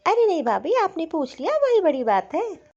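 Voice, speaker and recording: A woman's voice: extremely high pitch, big pitch swings, normal speed, darkish tone, muffled recording, full character voice. A woman voicing a friendly young college-going sister-in-law who sweetly compliments her brother's new wife.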